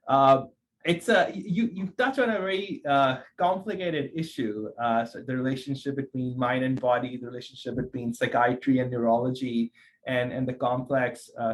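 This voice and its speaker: A man's voice: mid-range voice, steady tone, moderate pace, low-quality recording. A man from Pakistan, a psychiatrist guest, answering in a thoughtful, conversational way with frequent restarts and fillers. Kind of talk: conversational interview.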